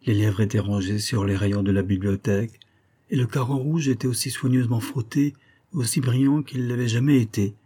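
A man narrating a classic novel as an audiobook, in a measured storytelling manner. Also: mid-range voice, dark tone, husky.

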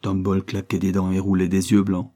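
A man reading an adventure novel aloud as narrator in a measured, dramatic way. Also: sits low, completely flat delivery, mellow. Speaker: audiobook narrator.

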